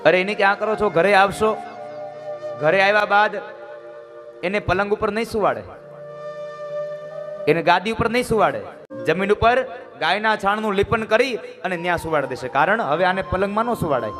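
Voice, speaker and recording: A man's voice: high voice, moderate pace, pauses often, over music. A man giving a devotional sermon, pressing his point with rhetorical questions and breaking into sung verses. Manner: rhetorical questions, earnest and insistent. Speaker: katha preacher.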